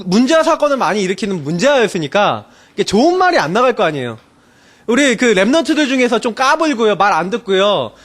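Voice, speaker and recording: Male pastor with a very high, lively voice that swings widely, preaching in a casual, questioning way. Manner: animated preaching with many rhetorical questions; casual and personal, telling stories from his own family. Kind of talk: sermon.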